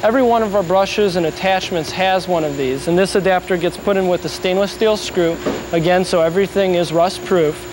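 A man with a fairly high voice walks through a factory, explaining each step of production in a plain, steady way. Machine noise hums clearly behind him on the shop floor. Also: fairly quick. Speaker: factory guide explaining brush making. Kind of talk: on-site factory tour explanation.

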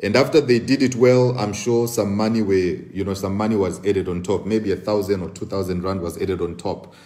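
A man in his thirties hosts casual live commentary to camera from a table in an indoor room, earnest and full of fillers and restarts. His voice is fairly low and dark, steady in tone, at a normal speed.

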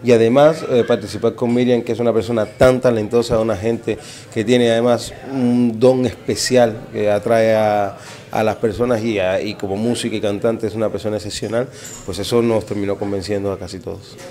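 A man's voice: lowish voice, fairly even intonation, fairly quick, warm tone. A man from Cuba with a Cuban Spanish accent, a singer-songwriter interviewed in a small café venue, talking in a chatty, easygoing way into a handheld mic. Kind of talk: casual interview.

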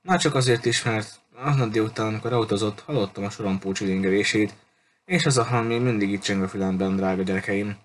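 A man's voice: fairly low pitch, a little hiss or hum, natural voice. A man voicing a fussy older railway clerk who rambles and grumbles as he remembers. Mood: reminiscing.

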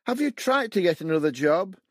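An older man voicing a bored middle-aged benefits clerk who speaks in a slow, drawling monotone. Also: high voice, no room sound, clean studio sound. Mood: flat.

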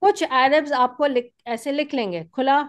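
Patient high-voiced woman teaching. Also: normal speed. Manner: patient, explains step by step with frequent "theek hai?". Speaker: Arabic grammar teacher. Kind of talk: online class teaching.

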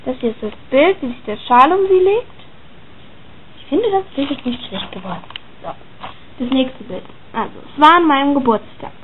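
A woman with a high, lively voice chats casually and hesitantly at normal speed, commenting on her own drawings and reading their captions aloud. The recording sounds tinny, like a phone, with slight background noise.

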